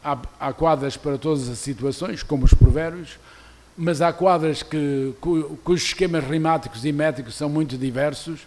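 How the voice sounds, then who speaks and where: An older man from Portugal with a European Portuguese accent, giving an academic lecture in a university auditorium, talking in a discursive way with many restarts. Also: a little high. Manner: discursive, many restarts, reads quoted verses aloud more loudly.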